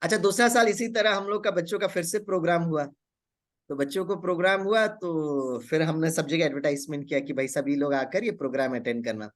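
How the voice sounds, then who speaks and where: A middle-aged man giving a storytelling talk at a spiritual session. His voice sits high for a man. He slips into slow, deliberate English phrases between Hindi sentences. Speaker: spiritual speaker.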